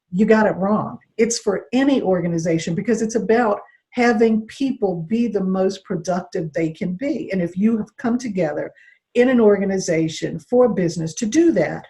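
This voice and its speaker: A woman with a soft-edged, mellow voice talks as a guest consultant on a panel. She explains her points in an emphatic, conversational way, repeating words to drive them home. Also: mid-range voice, low-quality recording.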